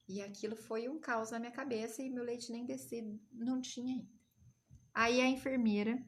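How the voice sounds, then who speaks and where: Brazilian woman on a live stream, kinda high voice, emotional storytelling, acts out the quotes. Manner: emotional, animated retelling with acted quotes. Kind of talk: personal storytelling to viewers.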